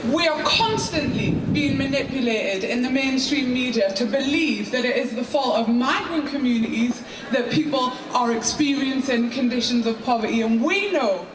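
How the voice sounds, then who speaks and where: A woman giving a passionate, emphatic speech at a rally. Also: sits high. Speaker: rally speaker. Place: street rally. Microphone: phone camera from a distance. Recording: echoey, distant phone recording, noisy.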